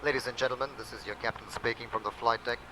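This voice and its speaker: A man's voice: medium pitch, steady tone, fast. A man, an airline captain, giving a formal cabin announcement to passengers from the flight deck. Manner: formal scripted announcement delivery. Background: loud cockpit engine and radio noise.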